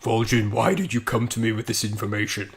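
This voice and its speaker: A man's voice: lowish voice, flat delivery, husky. A man playing a grave orc warchief. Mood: solemn. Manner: slow, grave improvised speech. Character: solemn male orc warchief.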